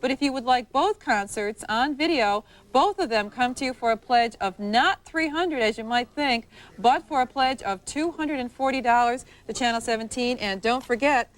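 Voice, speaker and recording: High voiced lady doing a live telethon pitch, chatty, kinda wordy, ad-libbing as she goes. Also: normal speed. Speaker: public television pledge drive host. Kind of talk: live fundraising pitch, ad-libbed.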